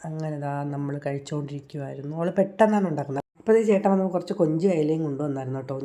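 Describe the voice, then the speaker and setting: A woman's voice: sits low, mellow. A middle-aged woman narrating a voice-over about her day at home in a homely, storytelling way. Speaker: home vlogger.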